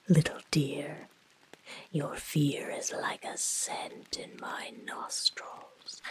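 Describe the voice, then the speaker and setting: A woman voicing a female naga huntress, coaxing and softly threatening, in a breathy whispered role-play. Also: sits low, heavily acted. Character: female naga huntress, predatory, coaxing, menacing serpent creature.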